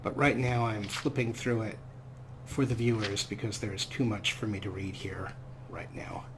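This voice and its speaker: A man's voice: fairly low pitch, steady tone, moderate pace. A man hosting a let's play with casual, playful game commentary, wordy and wry, with a theatrical streak. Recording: clear background noise, game ambience.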